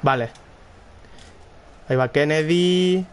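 A young man with a Spanish accent casually commenting on his football game, excitable, often repeating words and shouting at plays. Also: on the high side, slow. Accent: Spanish (Spain). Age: young adult. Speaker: gaming streamer. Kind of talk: casual live gameplay commentary.

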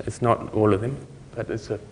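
A man speaks in a fairly low voice, presenting a technical talk. His delivery is informal and halting, with thoughts left trailing. The sound carries the reverb of a lecture hall. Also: fairly even intonation, a little mellow. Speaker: conference speaker. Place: conference lecture room, indoors.

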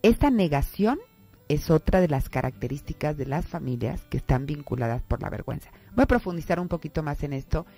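A woman's voice: low voice, expressive, brisk, mellow, slightly rough, soft background music. A woman with a Mexican Spanish accent hosting a radio talk on family psychology, acting out quoted people in raised voices. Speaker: radio host and therapist.

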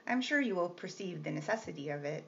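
A woman's voice: lowish voice, animated, fast, creaky, fairly bright tone. A woman reading the part of a composed young governess, polite but firm and restrained. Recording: slightly muffled with faint hiss.

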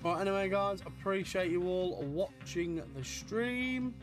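A man's voice: sits high, measured pace, faint music behind. A man streaming a survival game, chatting casually with friends, swearing a lot and yelping in surprise. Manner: excitable, swears a lot, loud yelps of surprise. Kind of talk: casual gaming chat.

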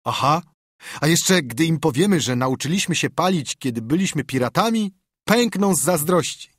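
Guy reading as a bragging kid, high and bouncy, kinda husky, storybook. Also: expressive, normal speed, fairly bright tone, no room sound, clean studio sound. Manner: eager, bragging. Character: boastful young boy, excited pirate.

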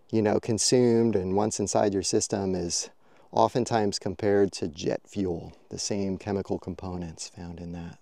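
A man hosting a forest foraging vlog, narrating his walk outdoors with relaxed, enthusiastic show-and-tell. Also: on the low side, gravelly, dry recording. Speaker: foraging vlogger.

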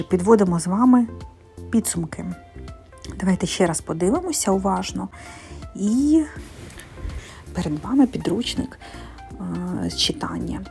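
A woman teaching in a methodical way, pronouncing sounds and syllables slowly and carefully. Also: mid-range voice, vocal fry, a little mellow. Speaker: primary school teacher.

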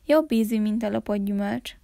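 A woman doing a grumbling old village man in a storybook reading, lonely and gruff, a gravelly edge, close dry sound with no room echo. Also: medium pitch, lightly acted. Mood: gentle, sad. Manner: grumbling, growls then softens.

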